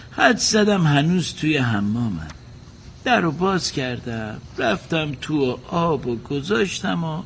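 A man's voice: sits high, vocal fry, a bit bright, a little hiss or hum, exaggerated voice. A man playing a polite, defensive inn worker. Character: defensive male inn worker accused of theft.

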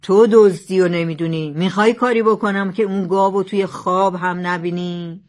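A woman's voice: on the low side, steady tone, darkish tone, lightly acted. A hostile male demon from a storybook fable, stubborn and threatening, as a woman reads him. He insists on his own plan and answers with threats.

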